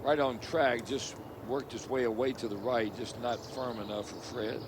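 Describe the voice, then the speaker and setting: A man gives golf commentary as an analyst in a medium-pitched voice. His verdicts on each shot are short and blunt, with clear outdoor noise in the background. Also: fairly even intonation, moderate pace.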